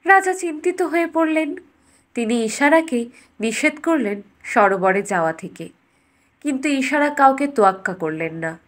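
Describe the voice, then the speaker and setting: Telling a fairytale as a scripted bedtime story, this storyteller has a fairly high voice that sounds animated at a normal speed.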